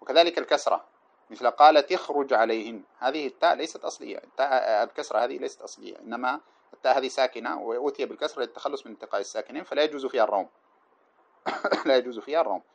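A man teaching a class on an old didactic poem, chanting the verses slowly and then explaining them in quick, plain lecture speech. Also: medium pitch, vocal fry. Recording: dull lo-fi lecture recording.

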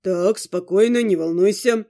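A woman voicing a grumpy male ghost monster who speaks curtly and gruffly in a low, dark voice for an audiobook. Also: unhurried, natural voice. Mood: gruff, soothing. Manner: gruff, curt, then soothing.

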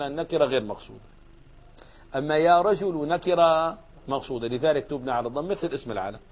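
A man teaching a grammar lesson, putting questions to his class and answering them himself, shifting between formal and colloquial speech. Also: on the high side. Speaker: sheikh teaching Arabic grammar. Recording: dull lo-fi lecture recording.

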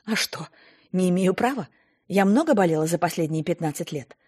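Brief: a woman playing a sick, irritable professional woman, sarcastic, husky. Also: fairly low pitch, animated, a little fast, a little mellow. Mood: irritated. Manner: exasperated and sarcastic.

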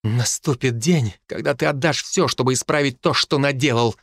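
A man's voice: normal speed, a bit bright, no echo. Storybook figure: terrified young noble wife, voiced by a male reader, desperate and pleading, dry sound. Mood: defiant curse. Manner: pleading, shrill and frantic.

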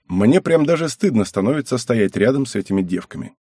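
Man narrating audiobook, wry first-person, husky, lively intonation, dry close recording. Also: medium pitch, brisk, dry recording. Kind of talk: audiobook reading.

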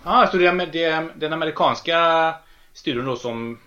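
A man's voice: fairly high pitch, bright, forceful tone. A man hosting a casual podcast, asking loose, hesitant questions. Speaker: podcast host. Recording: dull, lo-fi podcast audio.

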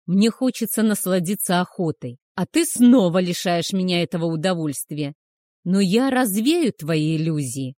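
A woman voicing a cruel, arrogant male werewolf hunter, who speaks with loud, growling menace. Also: on the low side, expressive, slow pace, dry recording, studio quality. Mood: menacing.

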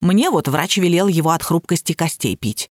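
A woman reading the part of a fussy old housekeeper who grumbles and gets easily excited. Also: on the low side, normal speed, no room sound, studio quality, close to an everyday voice. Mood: plain.

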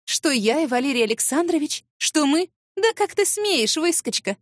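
A catty young woman spits accusations and mockery at her rival, her voice pitched up and leaping all over the place, voiced by a woman narrator. The reading is close and dry. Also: big pitch swings, a little fast, dry recording. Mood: indignant. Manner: sneering, shrill and accusing.

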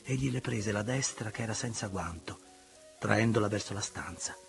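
Male narrator, lowish voice, measured literary reading with hushed moments. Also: creaky, over music. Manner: measured, expressive, at times hushed. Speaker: audiobook narrator.

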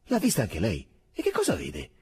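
A man's voice: wildly swooping pitch, moderate pace, slightly rough, full character voice. A man doing an anxious young lieutenant. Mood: agitated. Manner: agitated, hesitant, higher and louder.

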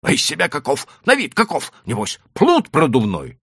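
A man voicing a desperate, hot-tempered male landowner who pleads and exclaims loudly in an audiobook. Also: on the high side, huge pitch swings, normal speed, slightly rough, dry recording, clean studio sound, pitched above the performer's own voice, exaggerated voice. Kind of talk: audiobook character voice.

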